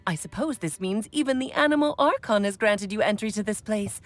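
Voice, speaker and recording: A woman's voice: medium pitch, animated, a little fast, soft background music, natural voice. A woman voicing a grand, playful witch who tells stories with theatrical coyness. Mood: grandly playful. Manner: theatrical, coy.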